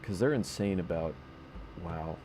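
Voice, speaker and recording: Over background music, a man plays a game on stream and talks with his chat in a loose, meandering way, often restarting sentences and using fillers. His voice sits low and sounds mellow and unhurried, with slight background noise.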